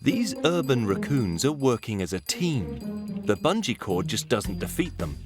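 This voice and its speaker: A man's voice: fairly low pitch, sing-song, measured pace, music in the background. A man delivering scripted nature documentary narration as the programme's narrator.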